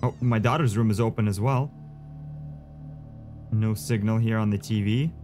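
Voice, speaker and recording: A man's voice: lowish voice, steady tone, moderate pace, over music. A man playing a horror game and commentating as he thinks aloud, easily spooked like a scared streamer.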